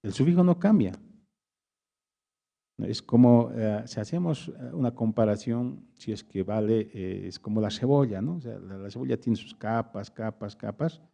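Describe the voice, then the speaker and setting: Gravelly man, halting lecture. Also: on the low side, warm tone. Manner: hesitant, searching for words with many pauses. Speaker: invited speaker at a public talk. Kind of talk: explanatory lecture with audience questions.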